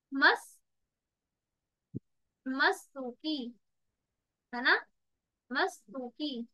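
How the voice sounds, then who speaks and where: Slow-talking woman tutor, high voice. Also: pushed and bright, no room sound, lo-fi sound. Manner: repeats words and asks the class rhetorical questions; addresses students as beta. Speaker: Urdu tutor. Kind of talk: online exam-prep lesson.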